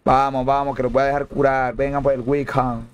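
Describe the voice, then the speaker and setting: A young man giving casual gameplay commentary in slangy, jokey talk that breaks into shrill pleading. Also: level tone, fairly quick, smooth. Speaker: gamer streamer.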